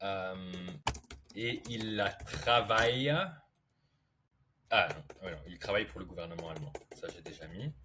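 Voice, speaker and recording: A man tutoring beginners, telling a silly story slowly, repeating key words and checking that learners follow. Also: low voice, bright, forceful tone, a little hiss or hum. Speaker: language tutor. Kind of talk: slow storytelling lesson for beginners.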